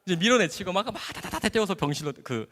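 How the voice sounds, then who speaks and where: An animated man telling a church testimony. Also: sits high, fast talker, a little hiss or hum. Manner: animated, vivid storytelling with sound words. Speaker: doctor giving a testimony. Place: church camp gathering hall. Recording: hall reverb.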